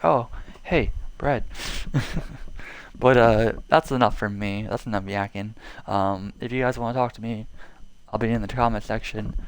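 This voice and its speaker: A man's voice: on the low side, smooth. A young man giving casual, rambling gameplay commentary to his viewers, full of fillers and the odd swear word. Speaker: gaming video creator.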